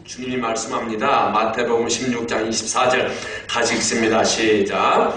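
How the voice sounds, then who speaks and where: A man in his fifties preaching a Korean sermon as pastor, animated and humorous, having the congregation repeat lines after him. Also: mid-range voice, normal speed, slight background noise. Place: church sanctuary. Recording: echoey church hall miked from a distance.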